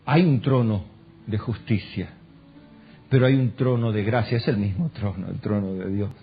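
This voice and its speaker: A man with an Argentine Spanish accent preaching a sermon as a pastor, firing rhetorical questions at the congregation, rising to loud exclamations and dropping to soft prayer. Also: on the low side, normal speed, dull audio. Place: church.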